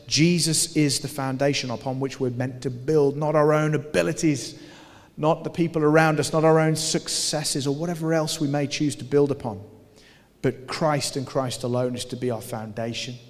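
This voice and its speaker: A man's voice: medium pitch, a little mellow. A man preaching a sermon, earnest and emphatic, putting rhetorical questions to his listeners. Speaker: pastor. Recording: long hall reverb.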